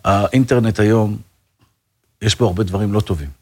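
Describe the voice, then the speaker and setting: A rabbi talking in an interview, earnest and fervent, with frequent religious phrases and restarts. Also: male voice, fairly low pitch. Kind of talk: casual interview talk.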